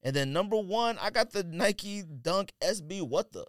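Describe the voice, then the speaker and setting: Animated and high-voiced, this man co-hosts a casual sneaker and sports podcast, chatting about his picks in slangy, offhand banter at a moderate pace. The studio sound is clean, with no room sound.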